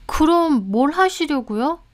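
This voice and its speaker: A woman voicing a flustered young female housekeeper with a shrill voice. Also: animated, measured pace. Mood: polite.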